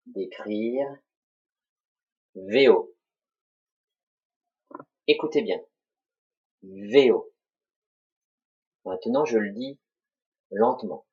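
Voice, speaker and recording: A man teaching a dictation lesson, slowly spelling out syllables for children to repeat and write. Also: on the low side, warm tone, breathy edge. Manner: slow, deliberate, spells out syllables. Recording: dull lo-fi recording.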